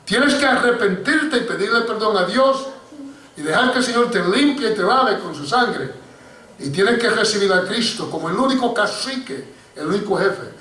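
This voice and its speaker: A man's voice: high-pitched, moderate pace. A man preaching a sermon as pastor, telling a story and often calling to his listeners as brothers. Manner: animated preaching, addressing listeners as hermano. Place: church hall. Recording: echoey church recording from far off.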